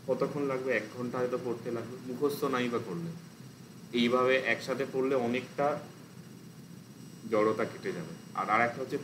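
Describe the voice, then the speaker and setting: A man teaching a recorded class, talking at a middle pitch. He explains patiently and runs through word forms in steady drills. A faint hiss sits under his voice. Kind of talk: recorded online language class.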